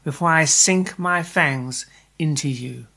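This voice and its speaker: A male puff adder warns in a deep, courteous but menacing voice, as a male storyteller puts him on. He speaks slowly and deliberately. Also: gravelly, sharp tone, heavily acted. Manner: deep, politely threatening.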